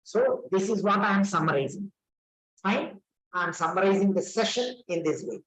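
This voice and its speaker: A woman's voice: mid-range voice, animated, moderate pace, low-quality recording. A woman giving a training lecture on communication skills, repeating her points and checking in with rhetorical questions.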